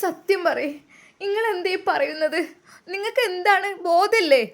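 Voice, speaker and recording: A woman's voice: sits high, moderate pace, darkish tone, natural voice. A woman voicing a wounded young wife, crying and protesting in a dramatized story reading. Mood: tearful. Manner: tearful, protesting.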